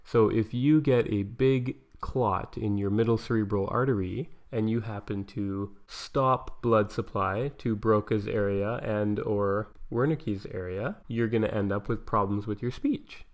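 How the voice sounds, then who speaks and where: A man's voice: on the low side, unhurried, hardly any pauses. A man narrating an explanatory medical lesson in a conversational way, asking and answering his own questions.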